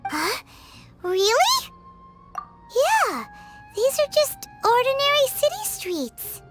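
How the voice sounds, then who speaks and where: A woman voicing a tiny, excitable fairy companion in a video game, with a squeaky childlike voice and dramatic, exclamatory delivery. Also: takes it slowly, over loud music, heavily acted. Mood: excited, flustered. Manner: exclamatory, dramatic, speaks of herself by name. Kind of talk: English video game voice acting.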